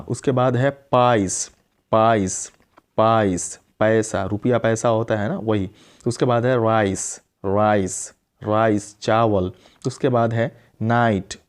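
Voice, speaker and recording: Slow, deliberate low-voiced male teacher. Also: a little mellow. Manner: slow, deliberate word drilling, repeating each word. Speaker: English teacher. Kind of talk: spoken English lesson.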